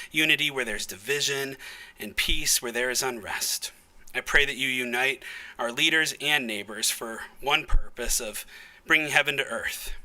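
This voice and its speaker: A male pastor delivers a formal prayer in a public meeting. His medium-pitched voice is strikingly bright and forceful, and he sets out each phrase deliberately, pausing between them. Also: poor audio. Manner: measured, deliberate phrasing with pauses.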